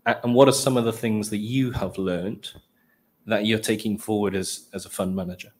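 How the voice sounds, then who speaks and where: A man's voice: on the low side, fairly even intonation, normal speed, a little hiss or hum. A man moderating a panel, putting questions to a speaker in a structured way.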